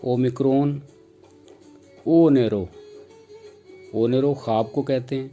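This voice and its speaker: A man's voice: fairly low pitch, steady tone, dark tone, dull audio, soft background music. A man teaching a language lesson from slides, explaining patiently step by step with examples.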